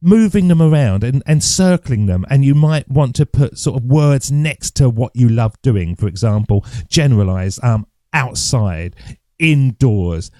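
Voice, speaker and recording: A chatty man talks through his podcast in a rambling, easygoing way, thinking aloud as he goes. He speaks right into a close microphone in a dry, dead room, his voice at an ordinary middle pitch. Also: animated, measured pace, mellow, dry recording. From England. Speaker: podcast host. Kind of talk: casual solo podcast teaching. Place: at home desk. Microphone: close studio mic.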